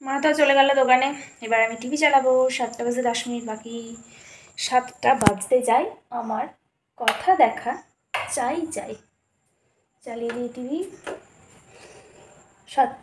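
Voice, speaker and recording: Chatty young woman with a scratchy throat. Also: a little high. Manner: chatty, rambling and self-correcting. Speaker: vlogger. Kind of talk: casual home vlog narration.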